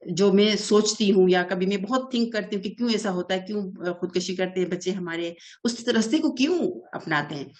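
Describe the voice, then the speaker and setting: A middle-aged woman, an early childhood development expert giving an earnest interview answer that is full of English terms and short hesitations. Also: mid-range voice. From Pakistan.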